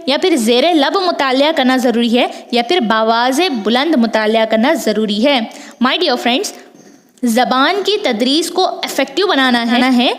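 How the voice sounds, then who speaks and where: A woman's voice: high voice, a bit bright. A woman teacher going through exam questions, explaining each term in Urdu and English with many repetitions. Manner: explains terms by repeating them in Urdu and English. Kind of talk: exam question walkthrough lesson. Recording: long hall reverb.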